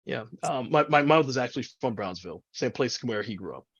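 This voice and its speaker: A man's voice: medium pitch, expressive, a little fast, breathy edge. Dull-sounding video call, man from New York City. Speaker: ring announcer and event MC, interview guest. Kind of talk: casual interview chat.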